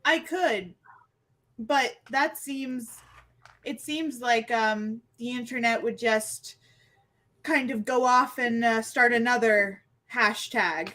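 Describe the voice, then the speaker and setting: A woman players' voice, fairly high and slow, in a casual tabletop game session. She hesitates and halts often. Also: steady tone, bright, forceful tone. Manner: hesitant, halting, with many fillers. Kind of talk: tabletop role-play chat.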